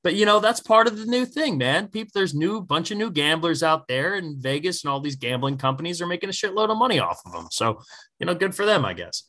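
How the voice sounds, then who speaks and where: A man co-hosting a casual sports podcast, telling stories in a lively way, swearing freely and acting out what others said. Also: on the high side, fast. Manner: animated storytelling, swears freely, acts out quotes. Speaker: podcast co-host.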